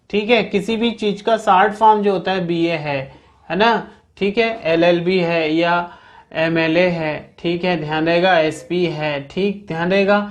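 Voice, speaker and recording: Teacher who keeps checking "got it?". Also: medium pitch. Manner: checks understanding constantly with repeated "okay, keep in mind"; slows down to spell out example sentences. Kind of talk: explaining a grammar lesson.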